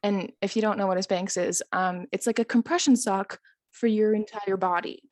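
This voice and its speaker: A woman performing stand-up, spinning a long anecdote in a chatty, self-amused way. She fills pauses with ums and chuckles at her own lines. Her voice sits at a middling pitch and sounds close and dry, with no room around it. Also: fairly even intonation, no room sound. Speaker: stand-up comedian. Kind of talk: stand-up storytelling set.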